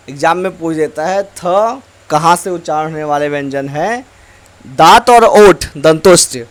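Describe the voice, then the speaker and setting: A male teacher giving a slow, deliberate grammar lesson, reciting letters one by one. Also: high-pitched.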